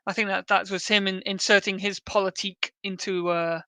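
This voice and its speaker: Brief: man, bright crisp voice, dry close mic, joking co-host. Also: high voice, level tone, dry recording. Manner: joking, quick asides, stammers. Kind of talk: casual reaction chat.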